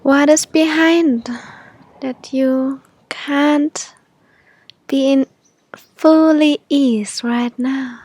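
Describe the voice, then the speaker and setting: A woman leading a guided meditation in an airy, breathy, soothing manner, like a spiritual healer. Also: sits high, steady tone, drawn-out words, long pauses, darkish tone, dry recording.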